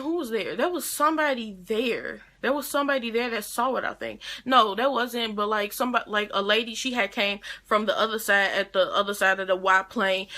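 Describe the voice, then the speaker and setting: Teen girl from rambling thru a story to her cam, bright clear voice, lots of likes and restarts. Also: on the high side. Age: teens. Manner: rambling, chatty retelling with many likes and restarts. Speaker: vlogger. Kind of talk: casual storytelling to camera.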